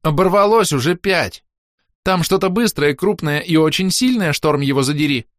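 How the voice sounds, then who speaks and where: A man's voice: on the high side, normal speed, no echo, clean studio sound, voice pushed up, natural voice. A man voicing a stubborn teenage girl, a young goddess who insists on getting her way in an audiobook. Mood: demanding. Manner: insistent, demanding.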